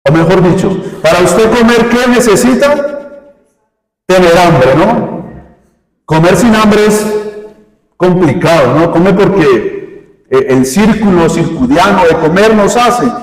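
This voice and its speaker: Priest giving a homily, keeps quizzing the flock. Slow, a touch high, heard from afar in a roomy church. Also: male voice. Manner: quizzes the congregation with rhetorical questions. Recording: echoey church hall from far off.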